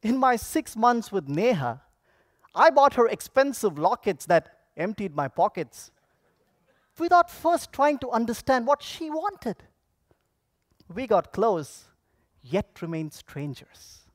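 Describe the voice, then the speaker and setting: Man, high voice, very lively intonation, theatrical motivational speech, projected delivery, dramatic pauses, dry sound. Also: no echo. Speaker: contest public speaker. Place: on stage at a speech contest convention.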